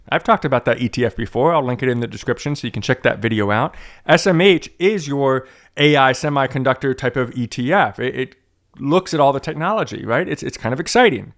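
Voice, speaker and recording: A man's voice: medium pitch, a bit bright. A man walking viewers through his investment portfolio in a chatty, wry, self-mocking way, as host of a personal finance channel. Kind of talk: casual screen-share walkthrough.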